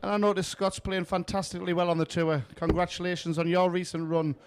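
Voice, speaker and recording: High-pitched male darts commentator. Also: flat delivery, quick pace, background noise. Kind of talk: live sports commentary.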